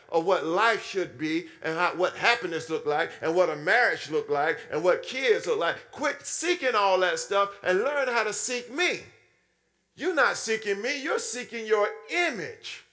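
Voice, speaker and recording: A man preaching a sermon in a style, his voice sitting fairly high and leaping about wildly. He talks back and forth with the congregation and slips into little acted-out voices, swinging from sudden squeals down to low mutters. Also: bright, forceful tone. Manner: call-and-response preaching, frequent "Hmm?" to the congregation.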